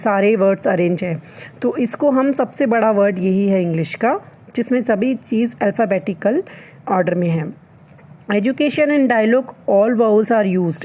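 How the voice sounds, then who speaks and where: A young woman teaching English, reading each fact aloud slowly, then explaining it in a chatty way. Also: medium pitch, mellow, poor audio. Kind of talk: explanatory lesson mixing Hindi and English.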